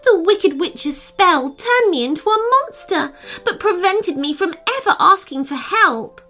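A woman voicing a young girl princess freed from a spell, speaking in a high, tender tone. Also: lively intonation, unhurried, bright, forceful tone, faint music behind, full character voice. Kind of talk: storybook character reading.

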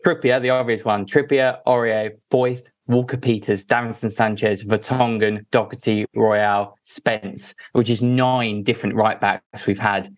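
A man's voice: lowish voice, steady tone, measured pace, few pauses. A man talking through football opinions as a podcast guest, casual and conversational.

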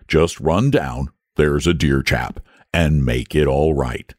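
A man voicing a lazy, cultured male dragon in a slow, drawling, low voice. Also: expressive, darkish tone, dry recording, clean studio sound, exaggerated voice. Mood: lazy, solemn.

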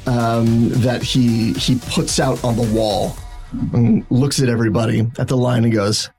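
A man narrating as game master in a halting way, with many fillers. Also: mid-range voice, steady tone, gravelly, a little mellow, faint music behind. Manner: halting, filler-heavy description.

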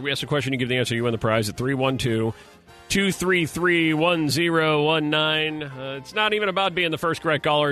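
A man's voice: fairly high pitch, sharp tone. An American man hosting a morning radio contest with playful, joking banter. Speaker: radio show host. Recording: music bed behind voice. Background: background music.

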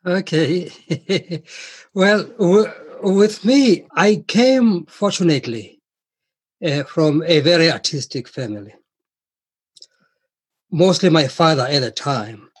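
A man in his seventies from South Africa, a writer answering interview questions slowly and deliberately, with hesitations. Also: fairly high pitch, animated, breathy edge. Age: 70s.

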